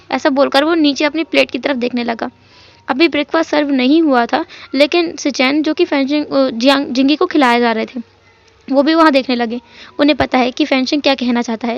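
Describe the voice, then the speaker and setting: A woman narrating a fan fiction story in a chatty, emotional retelling style. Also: high voice. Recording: dull lo-fi audio.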